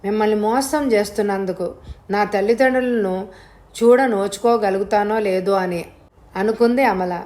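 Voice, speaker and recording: This is a woman reading a suspense thriller aloud as an audiobook. She has a medium-pitched voice and reads in a steady, clear, unhurried way. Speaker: storyteller.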